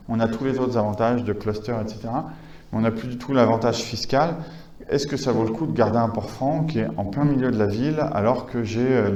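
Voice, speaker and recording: A man's voice: medium pitch, a little mellow, echoey room, lo-fi sound. A man giving a conference lecture, talking with many hesitations, fillers and restarts. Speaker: conference speaker.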